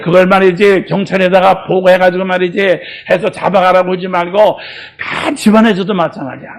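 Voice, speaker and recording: An older male pastor preaching with a notably high voice. He swings from shouted exhortations to hushed asides, constantly checking in with his listeners. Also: steady tone, brisk. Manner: keeps prodding the listeners with rhetorical questions. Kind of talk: sermon.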